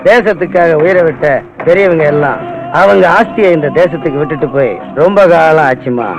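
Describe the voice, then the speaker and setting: An actor playing a smug male kidnapper who lectures and mocks, heard over loud film music. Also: on the high side, a little fast, creaky, highs cut off. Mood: mocking. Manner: sneering, lecturing. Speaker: villain gangster.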